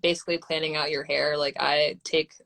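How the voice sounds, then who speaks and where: A woman's voice: deep voice, little pitch movement, fairly quick, gravelly, a bit bright, poor audio. Woman moderating a live audio chat. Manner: friendly, introduces guests and asks questions. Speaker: host and moderator.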